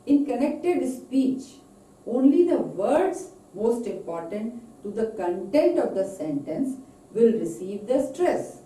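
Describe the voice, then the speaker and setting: A woman with an Indian English accent teaching English pronunciation in a recorded lecture, slowly stretching out example words. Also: a little high, sing-song, warm tone, distant mic. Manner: slow, deliberate, drawn-out example words. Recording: echoey room, voice off-mic.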